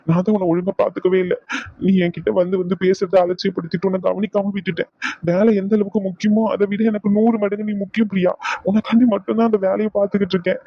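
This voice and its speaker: A man voicing a gentle, apologetic young husband in a cartoon, soothing and remorseful. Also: high-pitched, dry recording, lo-fi sound. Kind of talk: cartoon voice acting.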